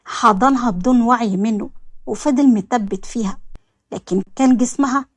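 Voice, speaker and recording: A woman's voice: a little high, moderate pace, dry recording, studio quality. Egyptian woman reading a romance story. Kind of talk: scripted romance story narration.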